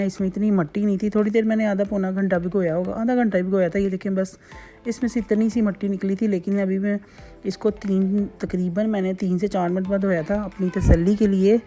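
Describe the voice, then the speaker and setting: A woman talks through a recipe in her home kitchen. Her voice is mellow and unhurried, and she rambles in a chatty, repetitive way. Soft music plays faintly behind her. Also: mid-range voice. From Pakistan. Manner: chatty, repetitive, homely asides. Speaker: cooking channel host. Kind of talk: casual home cooking tutorial.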